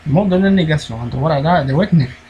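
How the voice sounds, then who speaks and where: A man with a Moroccan accent, teaching a primary school French lesson, explaining slowly and repeating key words. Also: on the high side, animated, muffled recording, a little hiss or hum.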